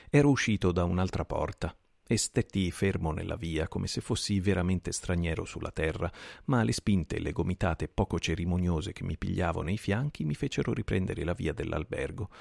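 A man reading a classic novel aloud as an audiobook narrator, in a measured, unhurried way. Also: low-pitched, vocal fry, darkish tone, husky, no room sound, studio quality. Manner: measured, unhurried reading with small self-corrections. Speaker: audiobook reader.

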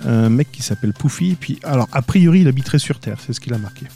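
A man's voice: medium pitch, expressive, fast talker, gravelly, dark tone. Male podcast co-host, banter-heavy, light music under him, small home studio. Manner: jokey, laughs often, rambling asides. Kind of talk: casual tech podcast banter.

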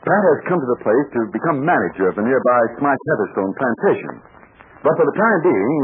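A man announcing and narrating in an emphatic, eager old radio announcer style, on an old radio recording. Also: mid-range voice. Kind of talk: old-time radio announcing, sponsor pitch and scripted narration. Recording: tinny narrow-band old radio recording, noisy.

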